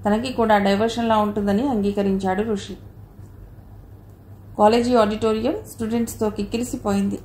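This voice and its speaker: A woman narrating an audio novel in a steady storytelling way. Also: mid-range voice, normal speed. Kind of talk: scripted narration. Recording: roomy echo, faint noise.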